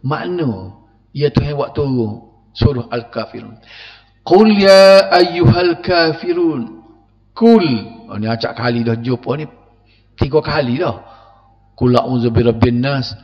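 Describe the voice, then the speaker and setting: A man with a Kelantanese Malay accent giving an evening mosque lecture on Quran verses, lively, laughing and questioning his listeners. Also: mid-range voice, normal speed, pauses often. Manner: lively, laughing, acts out quoted voices, questions the audience. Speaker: religious lecturer. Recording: muffled recording with long reverb.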